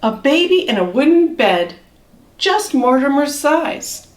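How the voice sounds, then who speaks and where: Female storybook reader: higher-pitched, measured, expressive, recorded in a roomy space away from the mic. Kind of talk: children's storybook read-aloud. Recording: roomy echo, distant microphone.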